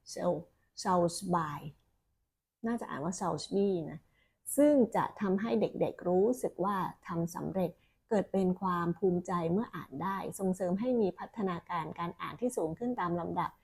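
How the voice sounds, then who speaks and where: This woman reviews children's picture books in a casual, chatty way and keeps dropping in soft filler particles. Her voice is dark and mellow, with a gravelly, slightly husky edge. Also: mid-range voice. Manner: chatty, with frequent filler particles and self-corrections. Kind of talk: casual book review talk.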